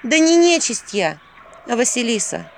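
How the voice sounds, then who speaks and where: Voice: mid-range voice, big pitch swings, a little slow, creaky, a little hiss or hum, pitched above the performer's own voice. A reader voicing a tired young woman from a fairy tale, polite but worn out. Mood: weary. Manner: polite, exasperated. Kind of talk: audiobook character voice.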